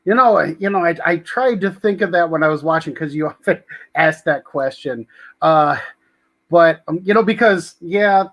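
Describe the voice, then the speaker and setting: Male co-host, high pitch, hesitant halting delivery, casual review banter. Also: muffled recording. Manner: hesitant, searching for words. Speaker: podcast co-host. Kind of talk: casual film review chat.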